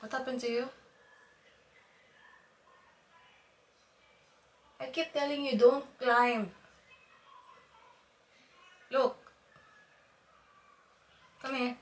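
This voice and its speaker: Woman, mother, quiet soothing tone with a child, home setting. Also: fairly high pitch, echoey room, far from the mic. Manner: soft, soothing, scolding gently.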